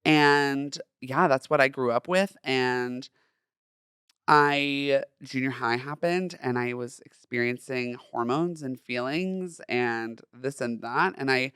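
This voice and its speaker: A young adult man from Southern California hosts his own solo podcast, chatty, campy and expressive, with a light, feminine, medium-pitched voice. He speaks slowly in a clean tone, and the recording is dry with clean studio sound.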